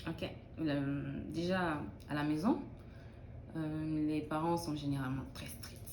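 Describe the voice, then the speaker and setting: A woman's voice: sits low, steady tone, unhurried, a little mellow, roomy sound, slight background noise. A young woman from Benin, a student in early childhood education, answering interview questions in a thoughtful, hesitant way with many restarts.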